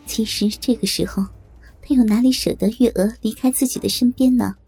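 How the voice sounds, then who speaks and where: Soft, breathy woman storyteller. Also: on the high side, steady tone, brisk, faint music behind. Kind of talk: scripted narration of a historical tale.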